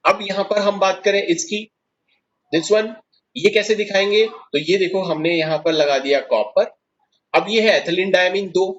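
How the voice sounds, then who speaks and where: A man's voice: high-pitched, a little slow, dull audio, a little hiss or hum. A man teaching chemistry in a classroom lecture, explaining step by step and putting questions to his students.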